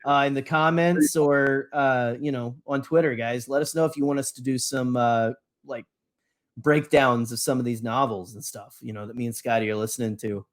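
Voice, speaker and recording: Speaking at a normal speed in a steady, medium-pitched tone, a male podcast co-host chats with casual enthusiasm. His talk is rambling and slangy, and he often breaks into his own sentences.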